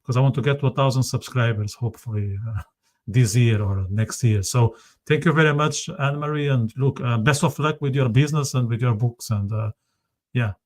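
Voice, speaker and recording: A man with an average-pitched voice hosts a casual conversational interview. He feels his way through sentences haltingly, often repeating words and phrases. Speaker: podcast host.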